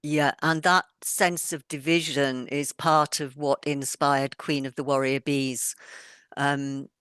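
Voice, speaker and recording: Slow and deep, with little pitch movement and a fairly bright, clear, resonant tone, this woman talks reflectively in a relaxed interview. She's a middle-aged writer whose mixed British accent carries hints of Welsh and Yorkshire, English-born but raised globally. Studio quality, no echo.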